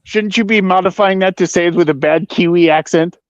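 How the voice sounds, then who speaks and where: A man with a high voice trades deadpan jokes in casual stream chat. His mic sounds muffled and lo-fi, and the sound is dry, with no room around it. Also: brisk, no echo. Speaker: stream co-host.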